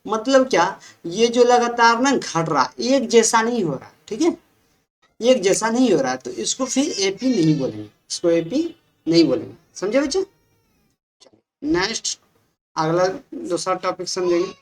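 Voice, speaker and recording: A woman's voice: mid-range voice, very animated, a little slow, a little hiss or hum. A woman teaching a maths class in Hindi with a Bihari accent. She explains patiently, repeats herself and keeps checking with the students.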